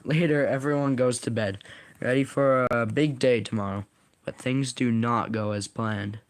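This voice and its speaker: A man's voice: medium pitch, steady tone, moderate pace, no room sound. Man casually reading his own story. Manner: casual, stumbles and corrects himself.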